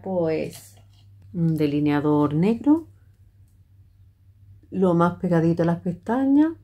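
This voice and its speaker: Her voice lowish and warm, a middle-aged woman talks through a makeup tutorial as a vlogger. Her chatter is full of fillers and restarted sentences.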